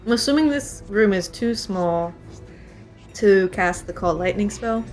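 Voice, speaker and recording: A woman's voice: mid-range voice, lively intonation, unhurried, darkish tone, faint music behind. A woman player in a tabletop game, talking through her moves with hesitant fillers. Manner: hesitant, thinks aloud.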